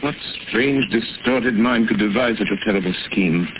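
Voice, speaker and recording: Actor as sharp gentleman sleuth, scratchy old radio. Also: fairly low pitch, normal speed, lightly acted. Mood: brooding. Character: sharp-minded crime-solving gentleman sleuth, calm and deliberate. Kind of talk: 1930s radio drama acting. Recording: scratchy, noisy, tinny 1930s radio recording.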